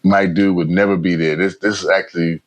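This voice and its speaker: Deep-voiced laid-back male podcast host. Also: flat delivery, a little fast. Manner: laid-back, slangy, says "bro" and "man" often. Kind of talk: casual reaction chat.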